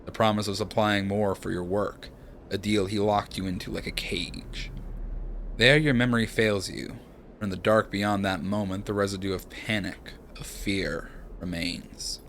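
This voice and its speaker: A young man streaming a narrative game, reading its text aloud in a hushed, dramatic way and chatting with viewers. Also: lowish voice, fairly even intonation, normal speed, a little hiss or hum.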